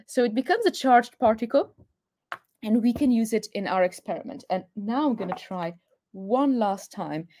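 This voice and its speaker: A woman's voice: on the high side, lively intonation, normal speed, a little mellow, a little hiss or hum. Woman presenting a live science demonstration. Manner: explains step by step with frequent fillers. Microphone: webcam or phone camera mic.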